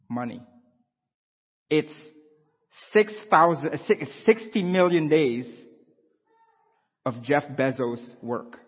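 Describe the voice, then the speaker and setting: Husky preacher in a reverberant hall. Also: male voice, medium pitch. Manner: conversational, asks the congregation questions. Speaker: pastor. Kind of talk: sermon. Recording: dull lo-fi sound with long hall reverb.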